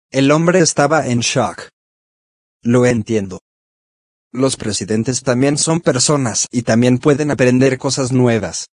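A man's voice: medium pitch, dry recording. Dry synthetic male narrator. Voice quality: synthetic text-to-speech voice. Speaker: columnist narrating his weekly diary. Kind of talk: scripted first-person narration.

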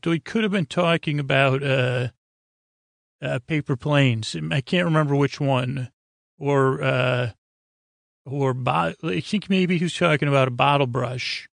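A podcast host with a creaky, gravelly voice full of fry, pitched on the high side and fairly bright, rambles through a bedtime monologue recorded very dry with no room sound. He meanders and halts, repeating himself, trailing off mid-thought, and drifting into whimsical, silly tangents.

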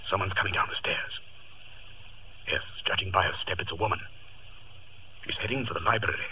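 Shrewd detective, crisp commands, lively intonation, bright tone, noisy vintage radio. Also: male voice, medium pitch, quick pace. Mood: hushed, watchful. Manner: clipped, authoritative, deductive. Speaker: radio actor. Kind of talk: 1940s radio acting. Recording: noisy 1940s radio recording.

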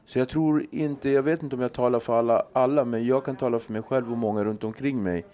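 A man's voice: medium pitch, fairly even intonation, mellow. A man leads a casual podcast conversation. He speaks thoughtfully and encouragingly, often searching for words with small fillers. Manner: reflective, encouraging, with many fillers. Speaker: podcast host.

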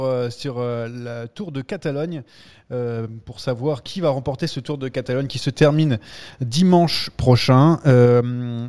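Male podcast host, mid-pitched, chatty and hesitant. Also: warm tone. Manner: hesitant, many fillers and restarts. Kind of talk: casual chat.

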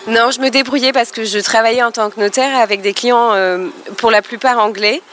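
A woman chatting as a guest, calm and composed, speaking in full sentences. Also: on the high side, fairly quick, a little hiss or hum. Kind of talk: casual chat.

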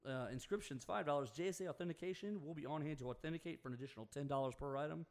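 A young man hosts a local sports radio show in a casual, joking way. His voice sits a little high for a man, and he drifts into banter and asides. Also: rapid-fire. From Houston area, Texas.

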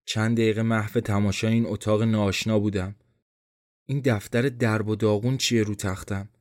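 A man's voice: fairly low pitch, level tone, darkish tone, no echo. A man narrating a first-person story for a podcast he writes, in a tense, introspective inner-monologue manner.

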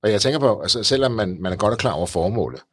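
A male host with a very low, husky voice asks encouraging questions, stumbling over words and repeating himself as he goes. His voice is picked up close and dry, with no room echo. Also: animated, a bit bright. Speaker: podcast host. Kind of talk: interview conversation.

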